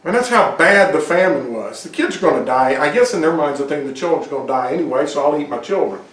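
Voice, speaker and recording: A man preaching in a church, retelling a story in a folksy, chuckling way. His voice sits a little high for a man. He is picked up from a distance, so the room's echo hangs around every word. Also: expressive, fast talker, fairly bright tone. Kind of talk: sermon storytelling. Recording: echoey room, distant mic.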